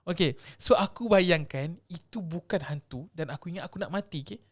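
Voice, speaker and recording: A man's voice: on the high side, a little fast. A young man, co-hosting a casual podcast and telling ghost stories animatedly, acting out the voices and mixing in English words. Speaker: podcast co-host. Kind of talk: casual chat, ghost storytelling.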